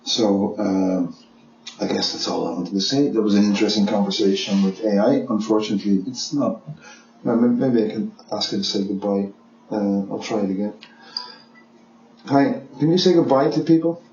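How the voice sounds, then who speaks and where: A man with a lowish voice chats casually at home, halting and restarting as he thinks. The sound is a bit dull and roomy, with faint hiss underneath. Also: a little mellow. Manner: hesitant, stumbling restarts. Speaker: podcast host. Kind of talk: casual solo chat. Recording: echoey room, dull sound, faint noise.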